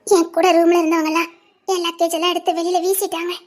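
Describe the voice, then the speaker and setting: Someone doing a scared young wife, tirunelveli tamil, super high voice, earnest. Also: level tone, fast talker, faint music behind. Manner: worried, earnest, talking plainly about past hurt. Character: anxious young wife, former medical student. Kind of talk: dubbed family drama.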